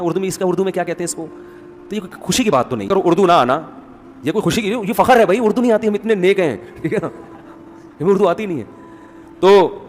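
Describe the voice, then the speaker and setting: A man's voice: on the high side, in a large hall, slight background noise. A man preaching a sermon in a conversational manner, with humor and rhetorical questions. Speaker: Islamic preacher.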